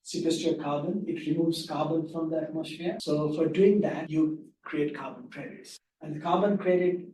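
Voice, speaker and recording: Soft-spoken man presenting in echoey room. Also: steady tone, normal speed. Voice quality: soft-spoken, low volume. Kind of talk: slide presentation. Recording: echoey room, far from mic, faint hum.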